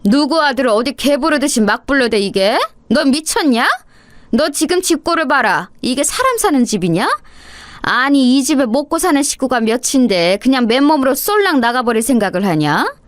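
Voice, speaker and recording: A woman voicing a harsh, coarse older mother-in-law who berates and shouts. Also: sits high, big pitch swings, normal speed, no echo. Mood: screaming.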